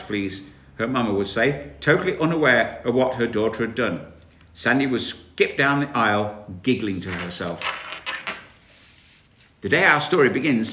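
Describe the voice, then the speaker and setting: A man reading children's competition stories aloud with expressive storytelling. His voice rises and falls a lot. The recording is roomy and a little dull. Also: mid-range voice.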